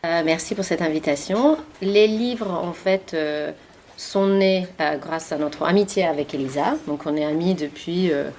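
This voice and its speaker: At a talk in a library meeting room, a Finnish woman in her forties who works as an author and journalist answers questions. Her lowish, slightly mellow voice runs a little slow over slight background noise, and her second-language French carries a Finnish accent along with many fillers and restarts.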